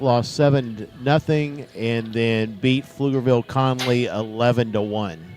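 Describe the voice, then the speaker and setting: A male commentator talks through a live baseball broadcast from the ballpark. His voice sits at a middle pitch, and he speaks in a conversational way. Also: a little mellow.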